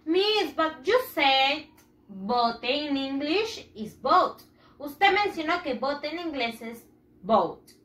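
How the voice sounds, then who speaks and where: Eager young schoolchild, put on by a woman teacher, polite, calls her miss, high voice, echoey room. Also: big pitch swings, drawn-out words, a bit bright, heavily acted.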